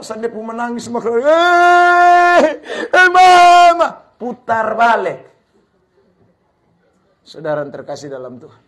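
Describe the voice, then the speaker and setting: A male pastor with a Kupang Malay accent preaching a sermon, emphatic and at times shouting, often addressing the congregation fondly. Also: very high voice. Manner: keeps repeating a fond address to the congregation.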